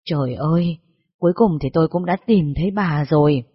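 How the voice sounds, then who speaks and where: A narrator voicing an elderly man, a street zither player, who speaks in a halting, trembling way. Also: medium pitch, slightly rough, natural voice. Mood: tremulous. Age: over 60. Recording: dull lo-fi recording.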